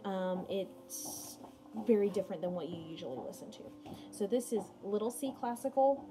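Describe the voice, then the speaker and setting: At home in a small indoor room, a young adult woman gives a casual read-aloud lesson as a music teacher, blending read passages with chatty, informal asides. Her mid-range voice has lively intonation and a moderate pace, with music playing behind her.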